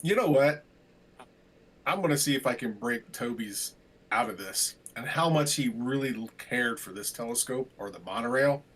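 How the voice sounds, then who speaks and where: A man playing a tabletop game, chatting casually and relaxed about his character's actions. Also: medium pitch, moderate pace, husky. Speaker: player.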